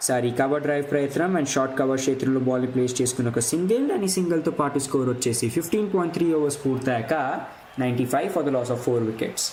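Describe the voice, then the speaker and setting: A man with an Indian accent giving excited live play-by-play cricket commentary, switching between Telugu and English phrases. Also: medium pitch, fast. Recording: roomy echo, clear background noise.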